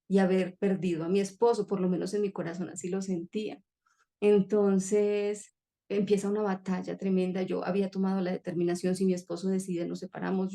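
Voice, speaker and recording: Woman guest, heartfelt testimony, soft mellow voice. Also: on the low side, gravelly. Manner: emotional, earnest storytelling. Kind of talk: personal testimony in conversation.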